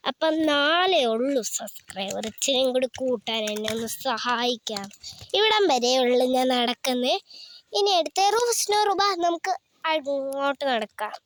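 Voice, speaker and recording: A woman's voice: sits high, expressive, normal speed, a bit bright, slight background noise. A young woman chatting casually to viewers on a walking vlog outdoors, filmed on a handheld phone. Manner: chatty, addresses viewers as guys and urges them to subscribe. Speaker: vlogger and parent. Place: outdoors by the road near her house, windy.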